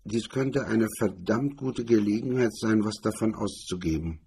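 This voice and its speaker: A man's voice: fairly low pitch, moderate pace, vocal fry, mellow, slight background noise. A man reading the part of a cool, sneering male blackmailer, in a mocking, condescending tone. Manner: mocking, condescending, hard-edged.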